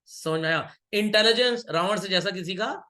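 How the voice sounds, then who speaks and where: High, bright and forceful, a middle-aged man's voice moves at a moderate pace as he teaches business studies online. Mixing Hindi and English, he playfully teases, scolds and checks on his students.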